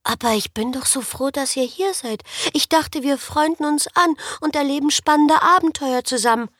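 A woman voicing a cheeky, talkative young girl in an audiobook, with bright, excitable speech. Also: sits high, normal speed, no echo, clean studio sound, pitched above the performer's own voice. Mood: dismayed. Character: chatty, cheeky human girl, bubbly and outspoken. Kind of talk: audiobook character voice.

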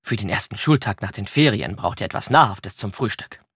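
A man plays an elegant ghost mother in a children's audiobook, proper and easily indignant. Her voice is husky and dry, with lively pitch. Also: a little fast, dry recording, full character voice. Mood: pleased.

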